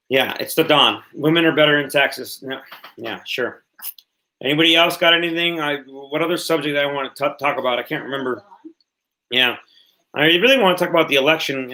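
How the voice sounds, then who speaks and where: A man in his late thirties hosts a casual livestream podcast, rambling, repeating himself, and swearing freely as he chats. His mid-range voice is gravelly with a sharp edge, and the recording is rough.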